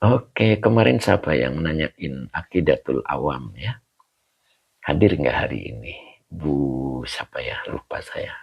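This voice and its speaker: A man's voice: extremely low pitch, expressive, takes it slowly, vocal fry, breathy edge, lo-fi sound. A man leading a casual online religious class, chatty, greeting students by name and laughing often, heard over a video call. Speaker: religious teacher.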